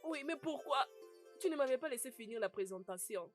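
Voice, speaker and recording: A woman dubbing an earnest young woman into French, calming quarrels and explaining her family's needs. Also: sits high, brisk, no echo, faint music behind. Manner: earnest, placating. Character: young woman torn between suitor and brother. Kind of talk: French film dub.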